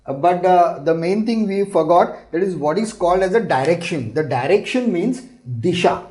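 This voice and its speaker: A man's voice: sits high, lively intonation, moderate pace, a little mellow, low-quality recording. A man teaching a Hindi lesson, explaining patiently and repeating words syllable by syllable. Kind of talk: language lesson.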